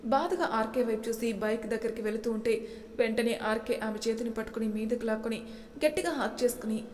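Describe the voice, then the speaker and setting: A woman's voice: fairly high pitch, fairly quick, a little mellow. Woman narrating a story in an echoey room. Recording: echoey room with long reverb.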